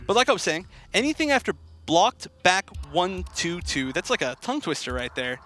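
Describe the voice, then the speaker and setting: A man's voice: high voice, big pitch swings, fairly quick, bright, forceful tone. A man giving live, analytical fighting game commentary, explaining the play as it happens. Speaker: esports commentator. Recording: game music under the voice.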